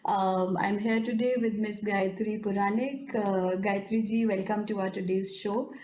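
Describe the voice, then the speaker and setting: Lady hosting an online chat, polite, lots of yes yes, soft hiss behind. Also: mid-range voice, fairly even intonation, moderate pace. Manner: frequent affirming backchannels, formal polite address. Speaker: host. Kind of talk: hosted interview. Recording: echoey room with faint noise.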